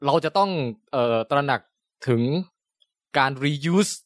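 A man's voice: a little high, lively intonation, slow, a bit bright, no room sound, studio quality. A man co-hosting a casual science podcast, joking playfully and acting out sound effects and mock speeches. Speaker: podcast co-host.

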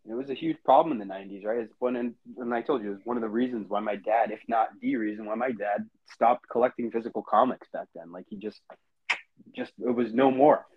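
A male host speaking over a video call, with slightly dull, muffled sound. He keeps things easygoing and gently steers the conversation. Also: mid-range voice, fast talker, breathy edge. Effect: heard over a video call. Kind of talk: casual chat.

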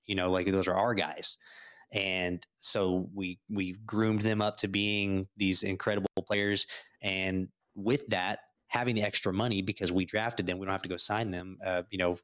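A man's voice: low-pitched, a bit bright. A man from Texas, a podcast guest, talking sports casually and rambling with many fillers and restarts.

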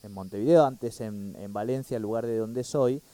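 A man's voice: on the low side, normal speed, warm tone, a little hiss or hum. A man hosting a radio talk, agreeable and chatty, often saying "claro". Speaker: radio host. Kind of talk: radio conversation.

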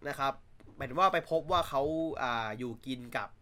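A man's voice: medium pitch, fairly quick, bright, forceful tone. A man chatting casually on a livestream, blunt and crude, joking, with many filler sounds. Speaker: streamer.

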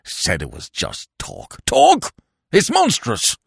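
A man's voice: on the high side, wildly swooping pitch, slow, gravelly, breathy edge, no room sound, studio quality, exaggerated voice. A man voicing an indignant elderly English lord who splutters with outrage. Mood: outraged.

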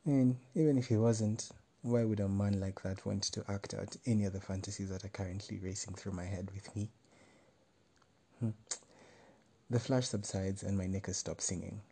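A man reading a first-person story aloud in a measured, wry way. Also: lowish voice, fairly even intonation, gravelly, dark tone, breathy edge. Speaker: narrator.

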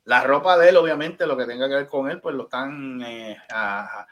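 Puerto Rican man, bright tone, brash profane podcast co-host. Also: mid-range voice, moderate pace, highs cut off. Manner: loud, profane, mocking. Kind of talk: casual chat.

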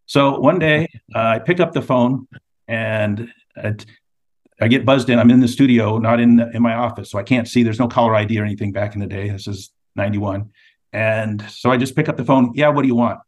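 A man speaks as a guest in a casual podcast interview. His voice is mid-pitched. He tells anecdotes at length, like a storyteller. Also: fairly even intonation, brisk, lo-fi sound. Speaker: magazine editor, guest.

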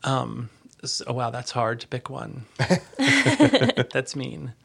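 A man giving a conversational podcast interview as an agency leader, earnest and halting, often rephrasing as he goes. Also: mid-range voice, flat delivery, vocal fry, a bit bright, husky.

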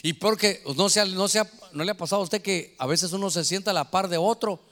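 A man, a pastor preaching a sermon, telling a story and acting out the voices and shouts of others. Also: sits high, fast talker. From Guatemala. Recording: echoey hall reverb.

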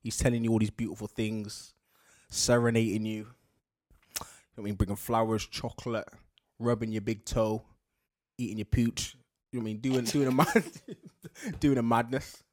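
A man's voice: lowish voice, normal speed, long pauses. A young man, co-hosting a casual chat and acting out little scenes with laughter. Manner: animated storytelling, acting out voices and laughing. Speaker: podcast co-host.

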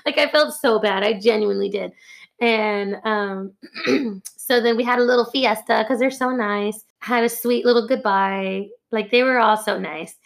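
A young woman chatting as a guest in an interview, telling a lively story, says "like" often and acts out what others said. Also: on the high side, moderate pace, vocal fry. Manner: animated, acts out quoted voices. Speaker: guest, costume pattern maker.

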